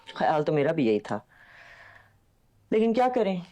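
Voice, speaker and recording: A woman's voice: low-pitched, very animated, moderate pace, dark tone. An actress playing a cold, stern middle-aged woman of the house in a TV drama, speaking in a curt, commanding way. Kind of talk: TV drama acting.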